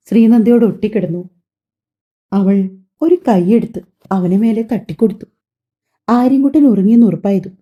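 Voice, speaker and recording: A woman reading a family drama audiobook aloud, telling the story softly and voicing every character herself. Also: medium pitch, muffled recording. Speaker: audiobook narrator.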